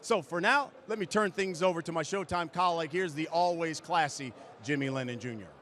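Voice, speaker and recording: A man's voice: a little high, a little fast, fairly bright tone. An American man hosting a live boxing broadcast in a presenter's style. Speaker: sports broadcast host. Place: large arena atrium.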